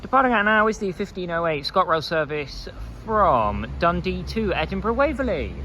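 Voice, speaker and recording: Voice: mid-range voice, very animated, moderate pace, pushed and bright. A video host giving methodical trainspotting commentary, spelling out services and numbers. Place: railway station platform. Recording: noisy outdoor station ambience.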